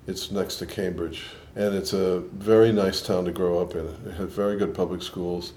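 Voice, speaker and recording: Speaking in a low, dark voice at a moderate pace with fairly even intonation, this older man recalls his life as a scientist during an interview. He's from Boston, with an accent blending Boston and New York, and his reflective answers are thoughtful, often restarting.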